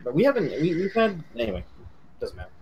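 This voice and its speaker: A man's voice: high voice, huge pitch swings, quick pace, vocal fry, muffled recording, a little hiss or hum. Casual man running a tabletop game. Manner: casual, rambling with frequent fillers. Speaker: game master. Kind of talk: narrating a tabletop game over voice chat.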